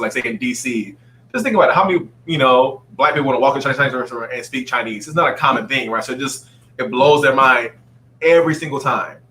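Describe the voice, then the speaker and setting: A man's voice: mid-range voice, poor audio. A man raised in Saudi Arabia, a dancer guest telling stories in a casual interview and acting out quoted people. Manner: animated storyteller, acts out quotes.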